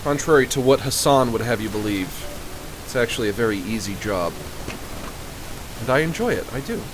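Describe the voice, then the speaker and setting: A video game streamer chats casually on a livestream in a mid-range voice, brisk and with lively intonation. He rambles and jokes, chuckling at his own jokes, over background music. His expensive large-diaphragm studio condenser microphone gives strong hissy sibilance.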